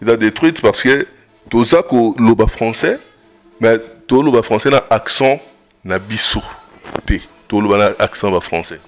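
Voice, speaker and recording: A man's voice: lowish voice, a little slow. A man, hosting a debate and asking hesitant questions mixed with Lingala. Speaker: host. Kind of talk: moderating a debate.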